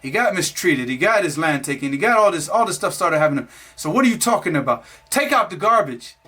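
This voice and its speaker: A man voicing a calm, weary immigrant restaurant manager who speaks patiently and matter-of-factly, in his own bright voice. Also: on the high side, fairly quick, breathy edge, heavily acted.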